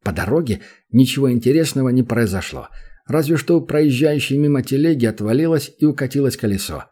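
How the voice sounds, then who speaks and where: A man narrating a fantasy audiobook in an even storytelling manner. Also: medium pitch, fairly quick, slightly rough.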